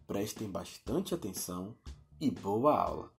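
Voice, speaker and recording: A man voicing a cheerful virtual teacher with a Brazilian accent, explaining a lesson to children and slowing down to spell out words. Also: lowish voice, expressive, gravelly, loud music behind the voice. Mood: friendly. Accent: Brazilian Portuguese. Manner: upbeat, addressing children, slows to spell out words.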